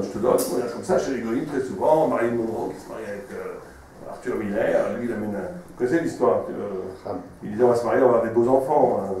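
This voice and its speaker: A man, a rabbi, telling stories in a sermon, an expressive storyteller who repeats his words. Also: mid-range voice, a little hiss or hum. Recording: very echoey room, mic far off.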